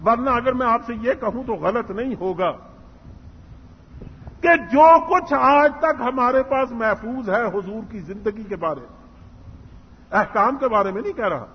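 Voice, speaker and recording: A man's voice: extremely high pitch, expressive, pauses often, breathy edge. A man giving a religious lecture, telling a story earnestly and acting out its dialogue. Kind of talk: Islamic lecture. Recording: muffled hall recording with long reverb.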